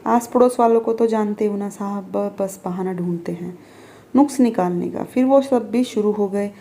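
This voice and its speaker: A woman narrating a moral family story in a steady, plain storytelling way. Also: mid-range voice, normal speed.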